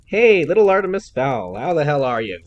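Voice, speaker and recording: A man voicing a brash, flashy middle-aged businessman who talks loudly and boisterously, for an audiobook reading. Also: fairly high pitch, sing-song, normal speed, dull audio, voice pushed up. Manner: loud, boisterous greetings.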